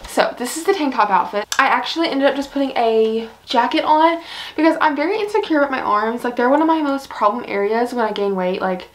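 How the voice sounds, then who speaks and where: A woman's voice: high voice, expressive, fairly quick. Giggly young woman, chatty try-on vlog. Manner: bubbly, giggly, lots of fillers like "like" and "I don't know". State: a little out of breath. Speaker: fashion vlogger.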